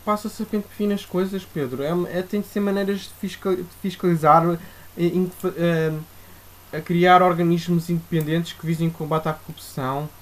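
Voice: medium pitch, steady tone, moderate pace. Young European Portuguese speaker arguing insistently. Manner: insistent, repeats and rephrases points. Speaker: podcast co-host. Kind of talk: casual opinionated discussion.

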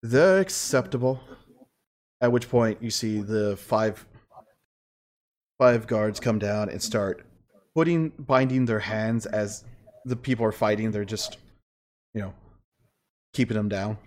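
A man narrating a tabletop game as game master, in a halting, conversational, improvised way. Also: on the low side. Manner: halting, conversational, laughs readily.

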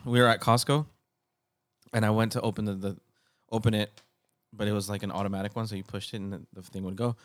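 Low-voiced man, halting casual talk. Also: little pitch movement. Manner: halting, restarting storyteller. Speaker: podcast co-host. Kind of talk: casual chat.

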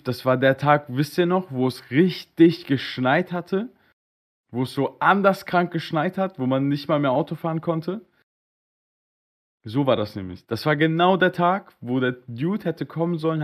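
A man hosting a casual podcast, telling a long anecdote in a slangy, animated way and acting out both sides of the conversations. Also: fairly high pitch. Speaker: podcast host. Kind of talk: casual storytelling on a live-streamed podcast.

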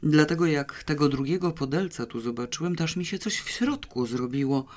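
A man's voice: on the high side, expressive, brisk, lightly acted. A reader voicing a nervous, rambling country man who confesses in a folksy way. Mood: confessing. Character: nervous male small-time poacher confessing.

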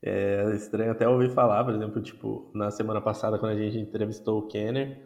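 A man from Brazil hosting a podcast, relaxed and casual, laughing now and then as he talks. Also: lowish voice, fast talker. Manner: relaxed, laughs while talking. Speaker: podcast host. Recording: dull, echoey room sound.

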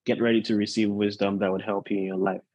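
A man preaching as a guest pastor in an informal, measured, unhurried way, often repeating points for emphasis. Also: fairly low pitch, flat delivery, darkish tone, no echo. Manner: unhurried, measured delivery with deliberate repetition. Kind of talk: sermon, informal preaching to an online gathering.

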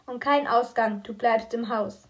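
Lady reading a tired firm dad, measured, her voice stays high. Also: close to an everyday voice. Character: weary middle-aged father, firm but sad. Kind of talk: audiobook reading.

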